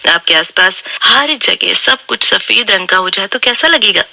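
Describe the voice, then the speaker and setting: Bright, crisp woman narrating a book summary. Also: medium pitch, measured pace, no echo. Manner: steady instructive delivery.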